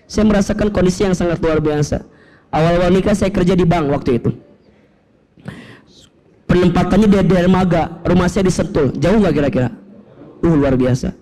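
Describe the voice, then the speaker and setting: Guy preaching w a bit of a lilt, pretty high voice, soft warm tone, gets emotional then jokes around. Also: normal speed, long pauses, poor audio. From Bogor area, West Java. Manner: animated, emotional storytelling with self-mocking humor. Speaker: Islamic preacher. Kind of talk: storytelling sermon.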